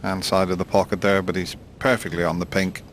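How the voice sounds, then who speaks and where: Hushed low-voiced male snooker commentator. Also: level tone, fairly quick. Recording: noisy broadcast with arena crowd. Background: snooker arena audience.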